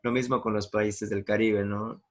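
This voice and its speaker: A man's voice: on the low side, flat delivery, moderate pace, background noise. A man with an Ecuadorian accent, a teacher giving an online class, explaining patiently with examples and checking that his students follow.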